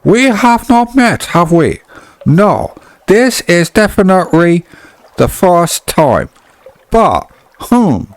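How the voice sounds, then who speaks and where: Man doing a high, affected noble lady with a foreign accent. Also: huge pitch swings, no room sound, heavily acted. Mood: airy, puzzled. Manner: put-on foreign accent in falsetto; slow, halting, theatrical delivery. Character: eccentric noble lady, time-confused, self-important. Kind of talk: reading game dialogue aloud.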